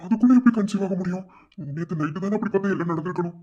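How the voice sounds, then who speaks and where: Fast-talking cartoon guy w madurai tamil accent, flustered and blustery, denies everything , woman voicing him. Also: mid-range voice, dull audio, a loud crowd, natural voice. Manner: defensive, blustering, threatening. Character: young man, defensive and flustered. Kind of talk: cartoon voice acting.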